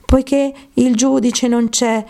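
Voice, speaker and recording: A woman's voice: on the high side, little pitch movement, slow, creaky, mellow, voice pushed up. A woman voicing a small, timid male mouse who pleads politely in a storybook tale. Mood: pleading. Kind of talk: storybook reading.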